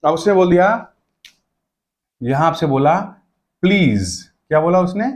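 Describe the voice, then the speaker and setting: A man teaching an English grammar class, explaining step by step and slowing right down to dictate example sentences word by word. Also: a little high, lively intonation. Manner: explains step by step, checking with "correct?" and "okay?".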